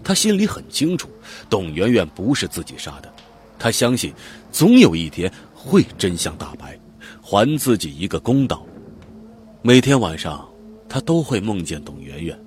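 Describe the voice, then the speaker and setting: A man's voice: fairly low pitch, very animated, moderate pace, darkish tone, slight background noise. A man narrating a dramatic audiobook, telling the story vividly and expressively. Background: faint background music.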